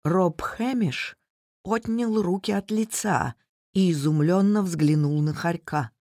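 Brief: unhurried story reader, mid-pitched voice, dry close recording. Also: a little mellow, no echo. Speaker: audiobook reader. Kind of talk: scripted narration.

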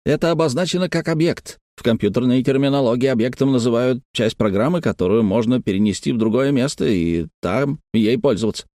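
A man voicing an excitable male scientist who explains things eagerly, in a read-aloud story. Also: medium pitch, a little fast, hardly any pauses, no room sound, clean studio sound, lightly acted. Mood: explaining, excited.

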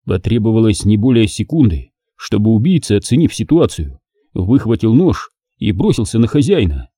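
Man, audiobook narrator, dark mellow tone, husky, dramatic reading. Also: on the low side, dry recording, clean studio sound.

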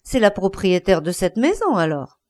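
A woman voicing an insistent gentleman visitor who questions a maid in a storybook reading. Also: mid-range voice, very animated, normal speed, lightly acted. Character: curious smitten young gentleman visitor.

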